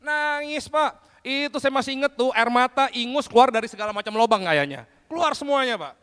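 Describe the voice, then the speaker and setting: High bright male preacher in hall. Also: brisk, clear, resonant tone. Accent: Indonesian. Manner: animated storytelling, addressing listeners as Pak. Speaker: pastor. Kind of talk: sermon testimony. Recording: long hall reverb.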